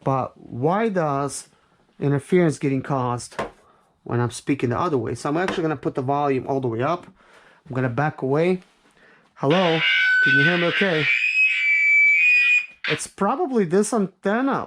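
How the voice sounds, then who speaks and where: This reviewer, a man with a somewhat high, expressive voice, pauses often while speaking at a normal speed. He gives loose, casual commentary as he handles the product and thinks aloud. Clicks and noise mar the recording.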